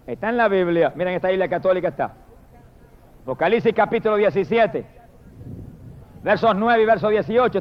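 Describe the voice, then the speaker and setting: A man with a Puerto Rican accent preaching a fiery sermon, shouting long hallelujahs and then dropping to murmured prayers. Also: high voice. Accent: Puerto Rican Spanish. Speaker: evangelist preacher. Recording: dull lo-fi sermon recording.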